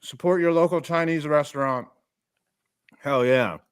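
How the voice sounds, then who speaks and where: A man's voice: a little high, a little slow, smooth. A streamer who talks in a laid-back, joking way while he eats. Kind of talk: casual live-stream chat.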